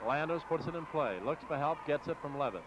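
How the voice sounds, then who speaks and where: An American radio announcer calls live basketball play-by-play on a 1960s AM broadcast from courtside in a large exposition hall. His voice is fairly high and expressive, moving fairly quickly in clipped, running phrases. Background noise is audible.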